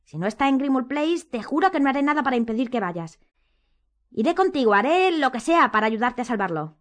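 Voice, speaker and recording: A woman's voice: high-pitched, sing-song, brisk, voice pushed up. A woman reading an audiobook, voicing an anxious, bossy clever teenage girl who pleads and plans urgently.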